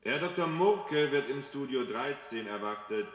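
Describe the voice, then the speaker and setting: A man voicing an insistent male loudspeaker announcer. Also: medium pitch, unhurried, pitched above the performer's own voice. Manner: flat, insistent. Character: male public-address announcer, impersonal. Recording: echoey, dull loudspeaker sound in a hall.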